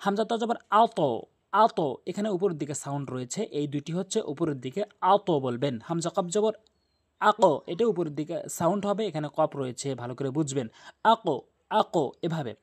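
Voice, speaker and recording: A man's voice: on the high side, expressive, husky. Patient man teaching Quran pronunciation. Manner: patient, repeats rules and spells out letters slowly. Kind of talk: instructional video lesson.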